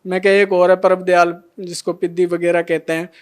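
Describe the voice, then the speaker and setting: A man's voice: high voice, little pitch movement, brisk, clean tone. A middle-aged man emotionally telling his testimony as a devotee, acting out the dialogue of each scene. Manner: retells scenes by acting out every line of dialogue.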